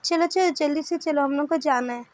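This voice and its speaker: A woman voicing a frightened, stubborn young man in a storybook dub, loud and insistent. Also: sits high, fairly quick, lightly acted. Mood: panicked.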